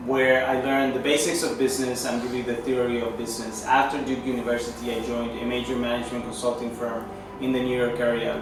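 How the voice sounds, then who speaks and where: Brief: man, 30s, from Chile, Spanish native, consultant testimonial; earnest, halting, many restarts; mic set back in a roomy, echoing space. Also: medium pitch, background noise. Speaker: management consultant. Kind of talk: testimonial interview. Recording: echoey room, distant mic, music underneath.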